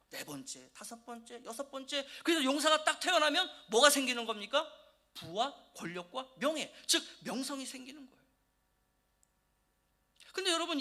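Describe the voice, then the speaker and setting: High, lively-voiced male pastor preaching. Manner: asks the congregation many rhetorical questions. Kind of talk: sermon. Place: church.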